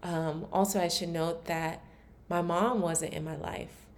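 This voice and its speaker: Woman podcast host from Maryland with a slightly low voice, solo and candid, thinking aloud with plenty of fillers. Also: fairly even intonation, measured pace. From Maryland, USA. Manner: candid and reflective, with frequent "like" fillers and restarts. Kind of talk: casual solo podcast talk.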